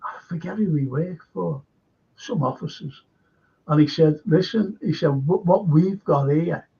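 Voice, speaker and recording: An older Liverpudlian man with a slightly high, gravelly, warm voice hosts a radio chat show at a measured pace, reading listener messages and telling rambling local history stories. He acts out the voices he quotes, and the recording sounds dull and lo-fi.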